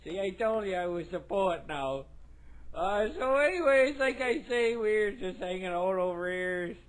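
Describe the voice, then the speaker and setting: A man's voice: sits high, expressive, unhurried, poor audio. A man voicing a dim, sweet-talking male cartoon character who leaves a goofy, sappy answering machine message.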